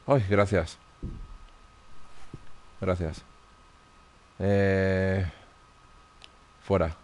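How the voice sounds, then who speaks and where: A man's voice: low-pitched, little pitch movement, extremely slow. A man with a Spain Spanish accent streaming live horror gameplay commentary, tense and muttering, swearing often.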